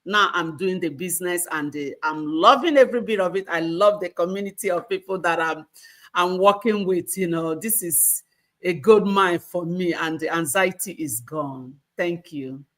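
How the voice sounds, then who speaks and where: Bright-voiced woman giving a testimony. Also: on the low side, normal speed. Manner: earnest, heartfelt. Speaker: guest. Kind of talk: personal testimony.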